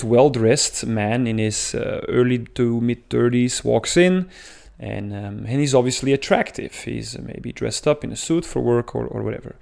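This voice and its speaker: Earnest and long-winded, a man from Belgium gives dating advice to camera in a talking-head video, using a thick Belgian accent and lots of filler sounds. His mid-range voice is gravelly and a little mellow.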